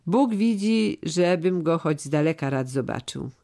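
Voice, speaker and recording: A man's voice: a little high, lively intonation, a little slow, gravelly, a little mellow. A man reading the part of a homesick young male servant who talks in a pleading, heartfelt way. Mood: longing, pleading. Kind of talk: audiobook character reading.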